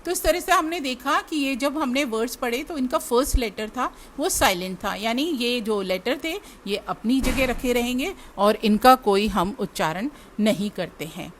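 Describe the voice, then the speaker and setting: A woman's voice: on the high side, animated, normal speed, few pauses, a little hiss or hum. An Indian woman teaching English to students, spelling words letter by letter and repeating each one. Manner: addresses students directly. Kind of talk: classroom lesson spelling words aloud.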